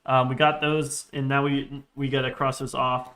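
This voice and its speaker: A man's voice: mid-range voice, flat delivery, normal speed, fairly bright tone. A man in his twenties giving casual live trading commentary, restless and sweary, muttering to himself as he goes. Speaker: day trader livestreamer.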